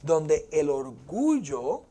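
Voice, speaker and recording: A male pastor preaches in a fairly high voice to his congregation. He keeps the sermon light and joking and slips easily into English phrases. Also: very animated, extremely slow, dark tone. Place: church before a congregation.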